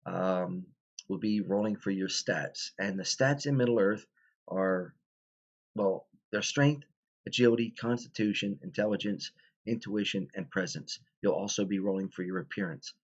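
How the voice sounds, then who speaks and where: A man's voice: low-pitched, slightly rough, dull audio. A tired man hosting a casual tabletop game tutorial, rambling with many ums and restarts. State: tired, stifling yawns.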